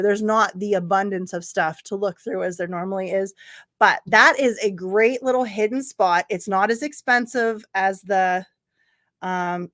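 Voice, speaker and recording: A woman's voice: mid-range voice, a bit bright, no room sound, clean studio sound. A woman hosting a casual livestream from a room at home, chatting in a rambling way, answering viewers by name and laughing often. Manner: laughs often, trails off mid-sentence. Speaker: livestream host. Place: home room with computer screens.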